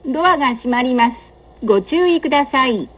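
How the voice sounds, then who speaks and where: A woman giving scripted automated train announcements in a polite, measured, formal manner. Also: sits high, expressive. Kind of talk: scripted recorded onboard announcement. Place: train carriage public-address system. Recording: dull lo-fi train PA, running noise. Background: train ambience.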